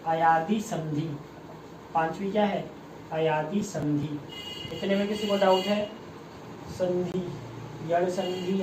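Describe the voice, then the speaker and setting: A man's voice: sits high, background noise. A man teaching an exam-prep lesson online, asking his students questions again and again and reading out their comments. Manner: drills students with repeated questions, reads out comments. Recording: echoey room, mic at a distance.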